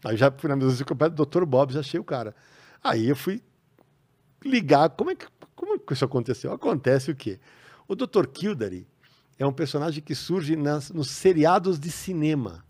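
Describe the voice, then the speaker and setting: A man with a Brazilian Portuguese accent, a podcast guest telling stories in a casual, animated way. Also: fairly high pitch, a little fast, husky. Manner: animated, acts out quoted voices. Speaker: podcast guest, comics writer. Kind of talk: casual storytelling. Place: podcast studio.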